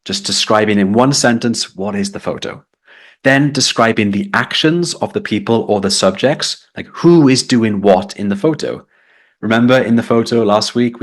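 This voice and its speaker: Brief: British male tutor, low-pitched, upbeat live-lesson explainer. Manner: explaining, reading chat comments aloud. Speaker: English test tutor.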